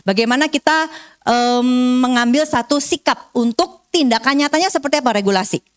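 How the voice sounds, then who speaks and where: A woman counselor giving a seminar talk to parents, coaching them gently and acting out little parent and child exchanges. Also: sits high, smooth. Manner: warm coaching tone, guides breathing counts slowly and softly; acts out parent and child dialogue in changed voices.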